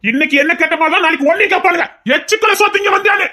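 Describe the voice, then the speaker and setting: A woman's voice: very high voice, rapid-fire, raised voice. A woman voicing a hot-tempered middle-aged man, a maternal uncle who blusters, threatens and boasts about his family line in an audio family drama. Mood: furious.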